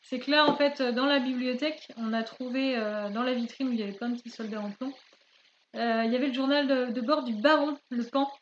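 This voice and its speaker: A woman with a high voice explains a board-game story in a relaxed, halting way, full of small pauses. Her live-stream audio sounds a bit dull. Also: a little hiss or hum. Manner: hesitant, many "euh" pauses. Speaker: co-host of a board-game channel. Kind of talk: casual live game narration.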